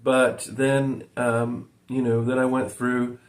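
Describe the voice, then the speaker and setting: A man's voice: medium pitch, flat delivery, slow pace. A man in his forties from Virginia, talking to his viewers in a meandering way, full of ums and uhs, and often calling them "folks". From Virginia, USA. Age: 40s. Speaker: vlogger. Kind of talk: rambling personal monologue to viewers.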